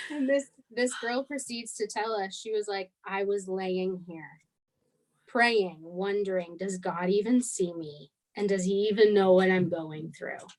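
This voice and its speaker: A woman in her twenties, a guest on an interview, recounting a story in a casual, animated way and acting out the lines people said. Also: medium pitch, unhurried, low-quality recording. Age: 20s. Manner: animated, acts out quoted dialogue. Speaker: guest missionary.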